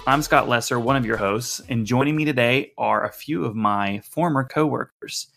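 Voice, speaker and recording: A man's voice: medium pitch, normal speed, vocal fry, fairly bright tone, soft background music. Giggly male podcast host. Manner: giggly, laughs often. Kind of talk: casual chat.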